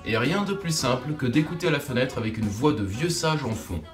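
A man's voice: medium pitch, animated, fairly quick. A young man from France giving scripted, self-deprecating narration for his own short film. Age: young adult. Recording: roomy, distant voice-over under music.

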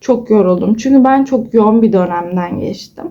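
With lo-fi sound, a woman's dark-toned, mid-range voice comes through at normal speed. She's a vlogger in her twenties, a chatty storyteller who acts out other people's dialogue for her followers with giggles.

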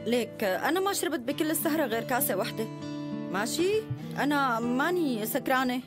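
A woman's voice: high voice, expressive, a little fast, music in the background. An actress dubbing a tipsy, defensive young woman lawyer in a TV drama, hesitant yet insistent, with a Syrian accent. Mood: defensive, indignant. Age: young adult. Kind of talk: dubbed TV drama dialogue.

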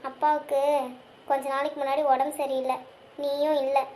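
A woman acts out a gentle, troubled older sister in a cartoon, speaking softly with worry. Her voice sits high and light. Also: flat delivery, fairly quick, lightly acted. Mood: sad. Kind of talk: cartoon voice acting.

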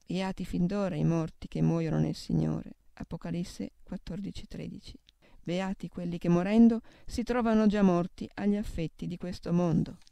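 A woman reading devotional meditations aloud in a solemn, steady way, naming scripture references as she goes. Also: lowish voice, moderate pace, gravelly, no room sound. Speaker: reader of devotional texts.

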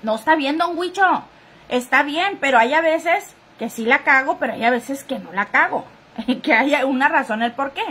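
A woman's voice: high-pitched, animated, normal speed, a bit bright. A woman hosting a casual gossip live stream, chatting straight to viewers, thanking commenters and sniffling now and then. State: sniffly, runny nose.

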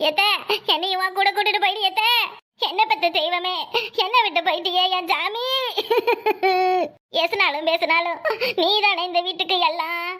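A shrill, sly village schemer. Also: female voice, bright, forceful tone. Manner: wailing, gossipy, sly. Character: scheming village woman, mock-grieving in-law. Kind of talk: Tamil cartoon voice acting.

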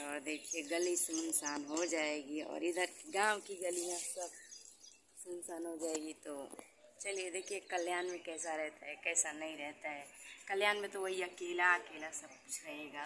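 A young woman chats to her viewers in a relaxed daily vlog, pointing out things around her home as she goes. Her voice sits a little low for a woman. It echoes in a bare, emptied room, with noisy phone audio behind her. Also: normal speed. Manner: chatty, talks straight to viewers while showing her home. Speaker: vlogger.

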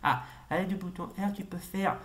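Brief: young male retro-game reviewer, casual play commentary, bright voice, jumpy outbursts. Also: high-pitched, moderate pace, a little hiss or hum. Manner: excitable, stammering, swearing outbursts.

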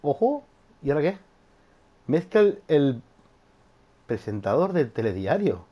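A man giving casual, excitable gameplay commentary, laughing often and swearing casually. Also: fairly high pitch, a little slow, lo-fi sound. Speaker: gaming youtuber.

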